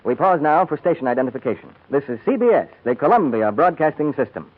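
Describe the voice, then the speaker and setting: Male American announcer, quick, slightly husky, emphatic sales pitch, tinny vintage radio sound. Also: big pitch swings, noisy background. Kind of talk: 1940s radio advertising pitch. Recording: tinny 1940s radio recording.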